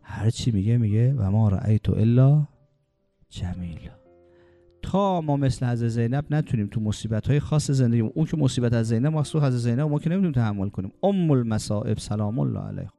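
Dark-voiced man preaching a sermon. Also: lively intonation, vocal fry, no room sound, soft background music. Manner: exhorting, quotes Quranic Arabic in a slow chant; acts out complaining voices in quick high bursts. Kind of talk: religious sermon.

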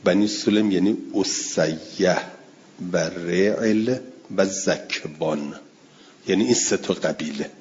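A man teaching a class, reading out classical passages and then explaining them phrase by phrase, and answering listeners' questions with quick yeses and noes. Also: low voice, a little mellow, highs cut off, a little hiss or hum. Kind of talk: classroom text-study lesson.

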